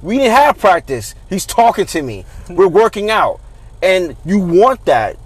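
Guy coaching youth football, hosting a chill sports podcast, voice a bit high, keeps repeating himself. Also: a little slow, husky, no echo. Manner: animated, repeats and restarts words often. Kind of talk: casual sports chat.

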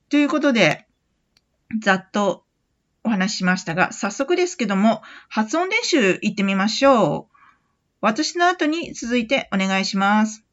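A woman teaches English phrases in a gentle, encouraging way, her pitch moving a lot as she explains. She reads the example sentences slowly so listeners can repeat them. The recording sounds somewhat dull and lo-fi. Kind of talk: English lesson podcast.

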